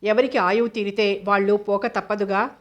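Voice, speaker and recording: A woman reading an audio novel, voicing a gentle young mother who soothes her children. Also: mid-range voice, steady tone, moderate pace, close to an everyday voice. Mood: soothing. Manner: soothing, consoling.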